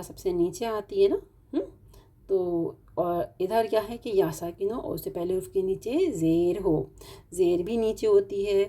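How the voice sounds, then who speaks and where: A woman gives an online tajweed lesson with a Pakistani Urdu-speaking accent, her medium-pitched voice warm and husky. Patiently and step by step, she explains Quran recitation, stretching out the words she uses as examples.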